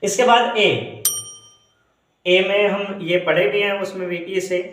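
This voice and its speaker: A man with a high-pitched voice teaches a pronunciation lesson. He explains patiently and repeats each example word with long, drawn-out vowels. The room around him rings with echo. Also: fairly even intonation, background noise. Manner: explains slowly, drawing out and repeating example words. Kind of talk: Hindi-language English phonetics lesson.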